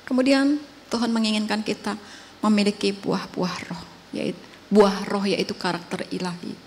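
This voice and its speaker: A woman preacher giving a conversational sermon, moving between emphatic and hushed delivery. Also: mid-range voice, fairly even intonation, normal speed, a little hiss or hum. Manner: conversational testimony, shifting between loud emphatic and soft hushed.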